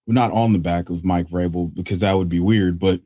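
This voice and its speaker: A man hosting a casual fantasy football waiver breakdown, excitable and joking, correcting himself on the fly. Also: low-pitched, no echo, studio quality. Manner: excitable, joking asides, quick self-corrections. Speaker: fantasy football analyst host. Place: at a desk indoors.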